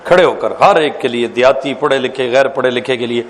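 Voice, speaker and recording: A man, a mufti, giving an animated classroom lecture on public speaking, quizzing his listeners and telling jokes. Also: mid-range voice, slight background noise. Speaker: mufti teaching a course. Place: lecture hall.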